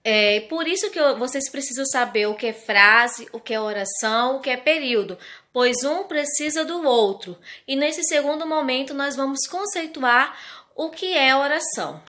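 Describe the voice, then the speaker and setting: A woman teacher from Brazil gives a recorded grammar lesson. Her voice sits a little high, and she explains each point slowly and carefully for her students. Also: bright, forceful tone.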